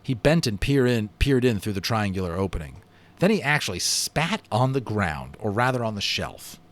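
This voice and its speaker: A man with a lowish voice reads a kids' story in a sing-song way at normal speed. He's an amateur voice actor, and his reading is dramatic and eager, with relaxed side remarks.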